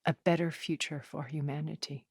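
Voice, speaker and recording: An actress playing a cultured, composed older woman who collects art, with a refined, measured, contemplative delivery for a video game. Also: low voice, fairly even intonation. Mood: reflective, admiring. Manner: refined, measured, contemplative, soft breathy phrase endings. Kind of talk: video game character dialogue, museum-guide storytelling.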